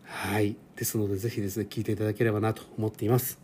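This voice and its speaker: A man's voice: lowish voice, little pitch movement, very fast, a little mellow, slight background noise. A man in his forties hosting a casual solo podcast, rambling and self-deprecating with lots of fillers. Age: 40s. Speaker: podcast host. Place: home.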